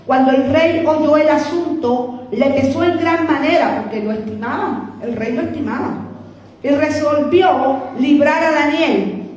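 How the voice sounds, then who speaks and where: High-voiced woman preaching in an echoey church. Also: darkish tone. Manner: slow dramatic reading, rising to fervent proclamation. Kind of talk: sermon, reading scripture aloud. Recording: echoey church room, mic far off.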